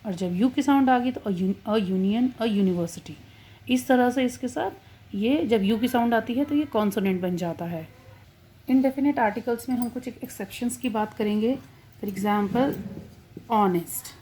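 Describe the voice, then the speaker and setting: A woman teaching English grammar, drawing out example words slowly to stress their sounds. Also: a little high, warm tone. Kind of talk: classroom-style grammar lesson.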